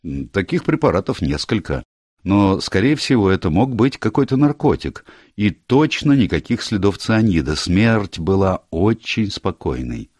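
A measured, dry-spoken middle-aged doctor, voiced by a man reading an audiobook. He sounds steady and careful, and his pitch moves lively while sitting a little above the reader's own low register. The recording is close and dry. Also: husky, dry recording, full character voice. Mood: explaining calmly. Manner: measured, dry, mildly surprised.

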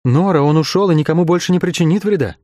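A calm, firm young woman guiding lost souls, speaking softly yet with urgency, as a male audiobook narrator voices her. Her voice sits a touch higher than the narration, in a dry, close recording. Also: fast talker, no room sound, natural voice. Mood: coaxing. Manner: soft, steady and urgent.

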